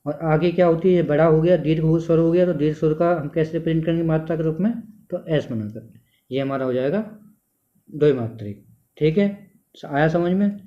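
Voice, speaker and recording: During a classroom lecture, a male teacher asks the class questions and then answers them himself. He speaks fairly quickly in a fairly high voice, and the sound is dull and lo-fi.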